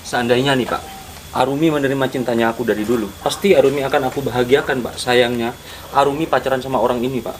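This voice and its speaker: An actor playing a smug, mocking rich young rival suitor. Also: male voice, mid-range voice, fairly even intonation, fast, a little hiss or hum, natural voice.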